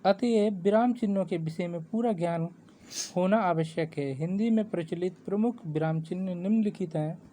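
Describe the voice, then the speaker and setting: Man, grammar lesson, mellow voice, steady explaining, faint background noise. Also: high-pitched, normal speed. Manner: reads definitions steadily, counting items off with English ordinals. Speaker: exam-prep teacher.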